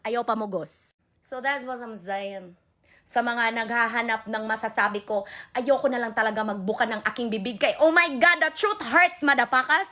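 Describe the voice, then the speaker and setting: A woman's voice: high-pitched, sharp tone. A woman giving a heated, sarcastic and profane political rant in a reaction vlog. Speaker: political commentator.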